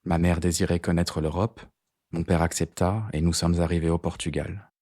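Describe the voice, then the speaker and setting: A man reading the part of a determined, grey-haired woman jazz saxophonist in an audiobook, calm and direct. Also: deep voice, normal speed, no room sound, studio quality. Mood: reminiscing. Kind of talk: audiobook character voice.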